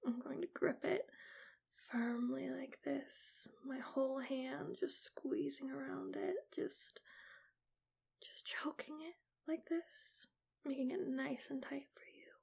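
Slow whispering woman, creaky and close. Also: high-pitched. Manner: soft breathy whisper, slow and teasing. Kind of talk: whispered ASMR roleplay. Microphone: close mic, right at the ear.

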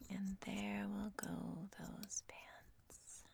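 A woman playing an obsessive, controlling stalker in an audio roleplay, whispering breathily and giggling softly as she teases and threatens. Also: mid-range voice, level tone, vocal fry, full character voice. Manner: slow, teasing, softly threatening. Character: obsessive menacing female stalker, teasing and controlling.

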